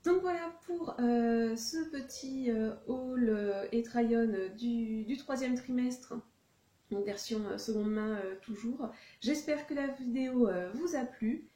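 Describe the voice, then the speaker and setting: A woman chats through her second-hand finds in a relaxed, halting way, often pausing and correcting herself. Her voice is mellow and soft-edged. The recording carries the echo of a room at home. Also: a little high. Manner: chatty, many hesitations and self-corrections. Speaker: second-hand fashion vlogger. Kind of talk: casual haul video chat. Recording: echoey room.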